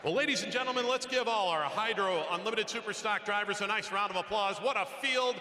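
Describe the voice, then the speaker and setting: A man announcing a tractor pull lineup over an arena PA, with showy, drawn-out introductions. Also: sits high, bright, forceful tone, a faint crowd. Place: large indoor arena. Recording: echoey arena PA with noise.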